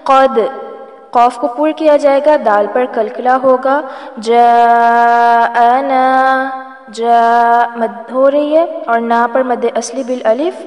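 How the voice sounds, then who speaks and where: In this tajweed lesson, a female Quran recitation teacher switches between drawn-out, melodic chanting of words and brisk explanations of each rule. Her voice sits high and is a little mellow. Long reverb fills the echoey room, and faint music plays.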